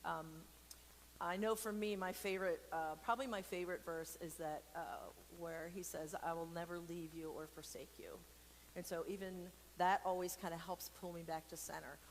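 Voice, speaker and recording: An adult woman hosts a playful children's read-aloud of a picture book for an online church service, rambling into exaggerated, funny asides and quizzing her listeners. She speaks at a moderate pace in a lowish, fairly even voice, amid reverberant hall echo and background noise.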